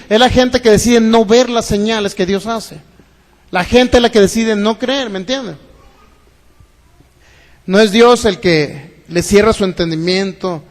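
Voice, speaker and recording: A man preaching a sermon as pastor, reading scripture and asking the congregation rhetorical questions. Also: sits high. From Mexico. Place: church hall. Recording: long hall reverb.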